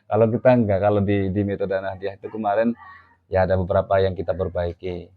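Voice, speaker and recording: A man's voice: low-pitched, level tone, quick pace, narrow, tinny audio. A man teaching a class on Arabic letter pronunciation in a mosque, patiently explaining and counting out beats as he drills the sounds. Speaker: Quran reading teacher. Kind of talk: classroom lesson.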